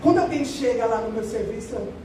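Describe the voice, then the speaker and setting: A middle-aged woman pastor preaching a lively, joking sermon in a large church. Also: fairly high pitch, brisk, noisy background. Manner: lively, joking, acts out little voices. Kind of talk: conversational sermon. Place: large church hall at the altar. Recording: very echoey church from far off.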